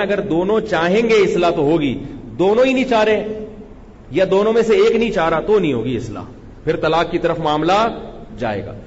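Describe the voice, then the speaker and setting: Male preacher, higher voice, long hall reverb, muffled sound. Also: a little hiss or hum. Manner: conversational, animated, acts out quarrels and shouting speakers. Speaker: Islamic scholar giving a lecture. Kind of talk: sermon. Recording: muffled lecture recording with long hall echo.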